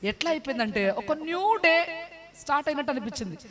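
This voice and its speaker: A woman's voice: high voice, lively intonation, fast talker. A woman giving an earnest, fervent spoken testimony about her faith, sometimes asking her listeners questions. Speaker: church member giving testimony.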